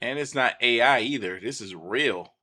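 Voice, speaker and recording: A man's voice: medium pitch, normal speed. A man livestreaming casual, slangy, incredulous reactions to videos, often repeating his phrases. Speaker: live streamer reacting to videos. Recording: music playing behind the voice.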